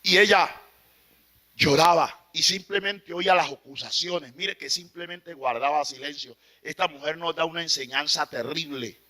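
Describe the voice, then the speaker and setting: Male preacher, high bright voice, impassioned, loud-to-hushed sermon delivery. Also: moderate pace.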